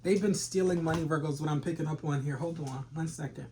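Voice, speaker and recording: Guy doing a loose tarot reading, kinda high voice, faint hiss behind. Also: fast, a little mellow. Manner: rambling, repeats phrases, casual slang. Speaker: tarot reader.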